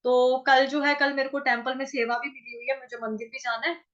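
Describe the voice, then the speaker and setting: A woman's voice: sits high, flat delivery, a little fast, fairly bright tone, muffled recording. A woman teaching an online chanting class, breaking verses into syllables and repeating each word many times. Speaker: Sanskrit recitation teacher.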